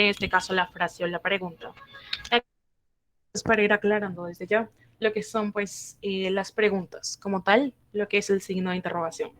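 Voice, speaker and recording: A woman teacher giving an online language lesson, explaining patiently and repeating key phrases slowly. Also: mid-range voice, slight background noise.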